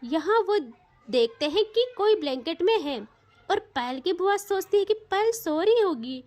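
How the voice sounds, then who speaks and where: A woman's voice: very high-pitched, animated, unhurried, darkish tone. A woman narrating an audio love story in a chatty, informal way.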